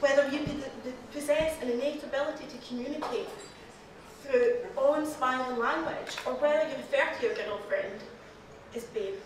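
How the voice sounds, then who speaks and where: A Scottish woman gives a humorous toast speech. She is nervous and giggles between her lines, and her voice sits high. She is recorded from far off in a very echoey hall with faint background noise. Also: normal speed. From Scotland. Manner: giggly, laughs often between lines, apologizes a lot. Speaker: speaker giving the reply to the toast to the lassies.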